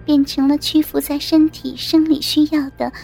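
A woman with a high voice and a gravelly edge reads a story in steady, measured phrases. Her tone is mellow and dark despite the pitch, set close and dry with faint music behind. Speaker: narrator. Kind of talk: scripted audiobook narration.

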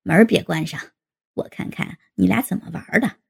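A woman's voice: lowish voice, a little fast, vocal fry, a little mellow, husky, voice pushed down, heavily acted. Woman voicing a cheeky teasing young man. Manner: joking, mocking.

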